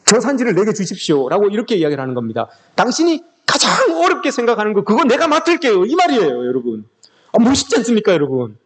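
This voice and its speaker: A man delivering a sermon with a fairly high, lively voice that leaps up and down in pitch. He talks quickly and keeps calling out to the congregation, slipping into quick little acted-out quotes. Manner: animated, acts out quoted speech, addresses the congregation often. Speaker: pastor.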